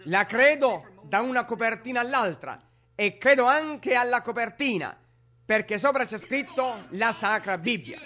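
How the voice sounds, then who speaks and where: A man's voice: very high voice, animated, unhurried, pushed and bright, full character voice. A man voicing a simple, unlettered old male believer who answers in plain, earnest replies, on a dull lo-fi recording.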